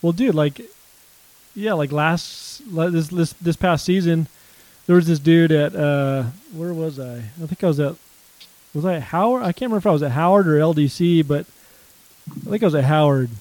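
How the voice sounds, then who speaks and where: A man's voice: on the high side, normal speed, a little mellow, no room sound, low-quality recording. A man in casual chat about hunting, rambling with many restarts and calling his friend dude. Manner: rambling, lots of fillers and restarts, says dude.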